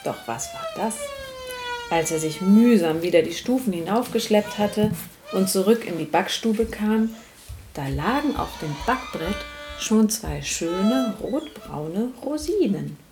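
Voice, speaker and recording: A woman reading a children's story aloud to a small child at home, gentle and patient, with Christmas music playing behind. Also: mid-range voice, very animated, measured pace.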